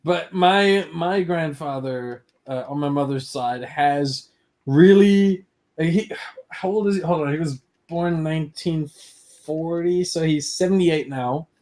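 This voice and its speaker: Young man, twenties, co-host, stammering, slow pace, fairly high voice. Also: darkish tone. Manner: hesitant, stammering, laughs often. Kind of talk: casual livestream chat.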